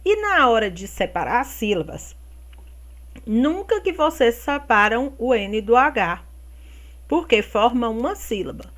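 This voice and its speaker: Woman teacher, Brazilian, patient step-by-step explainer for children; unhurried delivery, very animated pitch. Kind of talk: explaining school exercises to young children.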